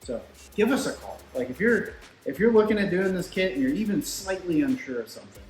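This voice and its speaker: A man with a high, darkish voice talks animatedly and a little fast, explaining technical matters casually as a product expert in shop talk. Shop machines run behind him, and the recording carries a roomy echo along with music and machinery noise.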